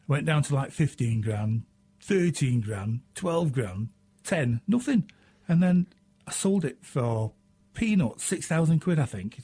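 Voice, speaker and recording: Answering listener questions on his radio show, a Northern English man chats in a warm, mid-range voice with a breathy edge. His talk is casual and self-mocking, full of ums and uhs.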